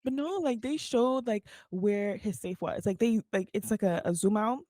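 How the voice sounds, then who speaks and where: A young woman talks in a warm, mellow voice. She's co-hosting a podcast, animated and quick to laugh. The mic sounds close and dry, with no room behind her. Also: medium pitch, no echo. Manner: animated storyteller, laughs often. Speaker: podcast co-host. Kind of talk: casual chat.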